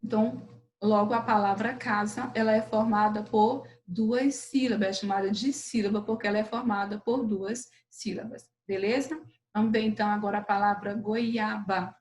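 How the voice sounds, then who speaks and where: A woman teacher with a Brazilian Portuguese accent giving a lesson to children, patient and slow over syllables, often checking in with the class. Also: mid-range voice, fairly even intonation, a little mellow, poor audio. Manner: patient, drawn-out syllables, frequent "beleza?" checks. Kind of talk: recorded remote lesson for children.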